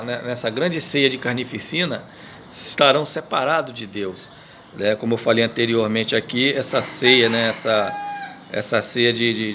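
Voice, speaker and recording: Man, pastor, Brazilian Portuguese accent, Bible reading commentary, halting with fillers and tag questions, faint noise behind. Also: medium pitch.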